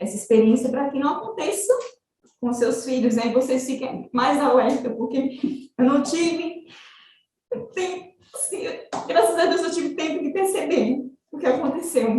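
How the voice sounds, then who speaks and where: High-voiced mother, distant and roomy. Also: darkish tone. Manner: emotional, halting, many fillers. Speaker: mother giving testimony. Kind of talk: personal testimony in a webinar.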